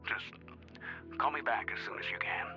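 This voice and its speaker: A man's voice: mid-range voice, normal speed, dull audio, music in the background. An actor playing a worried man leaving an urgent message on a landline answering machine. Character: worried man reaching out to an old friend. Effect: answering machine message over a landline phone.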